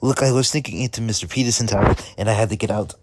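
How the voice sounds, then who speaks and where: A man's voice: fairly low pitch, fast, noisy background, close to an everyday voice. A man voicing a grumpy, dramatic, lovesick teenage boy in an overacted anime fan dub. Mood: impatient, dramatic. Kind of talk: abridged fan dub acting.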